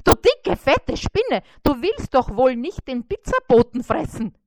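A woman doing an excited, bossy little fly. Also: takes it slowly, clean tone, no room sound, full character voice. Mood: shocked. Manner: excited, high and loud. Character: cheerful greedy male fly, talkative and bossy. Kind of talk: storybook reading.

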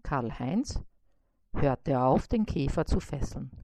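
A woman reading a children's storybook aloud in a slow, clear and expressive way. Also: rumbling low, no room sound.

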